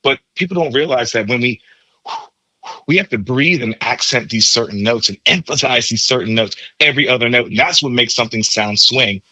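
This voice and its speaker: Bright-voiced trumpet player explaining. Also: male voice, mid-range voice, a little fast, dry recording, poor audio. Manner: explanatory, teacherly, repeats words for emphasis. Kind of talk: podcast interview, explaining music.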